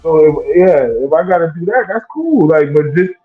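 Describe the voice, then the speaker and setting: A man on a thin, phone-like line talks basketball in a relaxed, conversational way. His voice sits a little high, and he keeps checking that he is understood. Soft music plays behind him. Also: normal speed. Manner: relaxed, conversational, keeps asking "you know what I'm saying". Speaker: co-host, former player. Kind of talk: casual sports talk.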